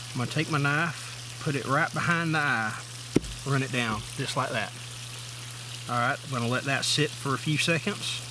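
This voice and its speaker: A middle-aged outdoor survival vlogger with a drawl gives a casual how-to demonstration at a camp table in the woods, explaining each step plainly and folksily at an ordinary pitch. The camera is mounted overhead, and a water pump hums clearly in the background.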